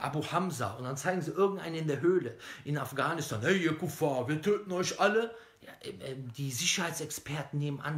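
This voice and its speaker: A man's voice: fairly high pitch, a bit bright. A middle-aged male preacher speaks straight into a phone camera held close in a small indoor room. He is sarcastic and indignant, piling up rhetorical questions and scoffing at his critics. Every word carries a roomy echo off the walls. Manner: indignant, mocking, fires rhetorical questions, drops to sneering murmurs. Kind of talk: sarcastic video statement. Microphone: phone camera at close range.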